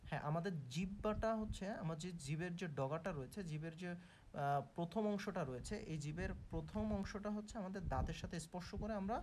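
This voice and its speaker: A man's voice: high voice, a little fast, a little mellow, a little hiss or hum. A young man teaching an online grammar lesson, explaining patiently step by step and repeating key points. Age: young adult. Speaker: tutor.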